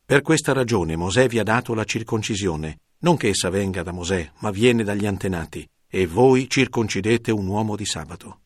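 A calm, authoritative male teacher speaks in a measured, solemn way, as a man reads his lines. The voice is low and a little husky, set dry and close with no room around it. It sounds like a scripted Bible reading. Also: dry recording.

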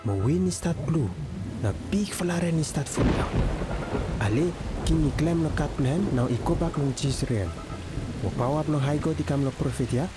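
A man narrates a scripted Bible story in a Melanesian pidgin accent from Vanuatu. His voice sits fairly high, with clear music playing behind it. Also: normal speed.

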